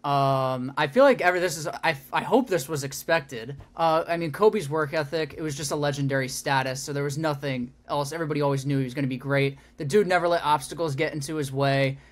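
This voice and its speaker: Young man, podcast co-host, fairly high voice, excitable, casual sports talk. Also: a little fast, hardly any pauses. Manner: excitable, builds up energy in stories.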